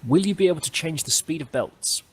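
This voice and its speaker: A man co-hosting a live stream, relaying viewer questions in a brisk, plain way. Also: on the high side, slightly rough, no echo. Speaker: co-host reading viewer questions.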